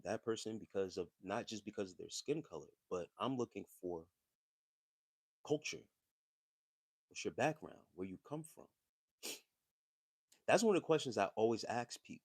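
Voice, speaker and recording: Low-voiced man chatting on a livestream. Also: breathy edge, no room sound, studio quality. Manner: relaxed, loose, slangy and conversational. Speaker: livestream host. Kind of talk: casual livestream talk answering chat.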